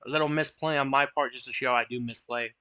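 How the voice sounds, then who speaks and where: A man's voice: medium pitch, steady tone, fast, dull audio, noisy background. A young man giving casual, chatty commentary over his own card game matches, joking at his own misplays. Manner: chatty, self-deprecating, occasional swearing.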